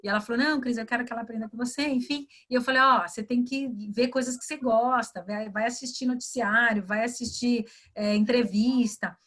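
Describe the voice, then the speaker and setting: A fairly high-voiced woman from Brazil speaks as a mentor in an online webinar. She talks in a lively way, acts out little dialogues and keeps checking in with her listeners. The sound comes through a video call. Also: fairly quick, hardly any pauses. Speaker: guest, career and English mentor. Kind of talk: explaining in a webinar chat.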